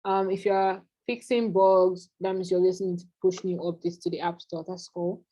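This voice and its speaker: A woman's voice: lowish voice, level tone, moderate pace, mellow, poor audio. A woman facilitating an online product management class, talking through ideas conversationally with frequent fillers.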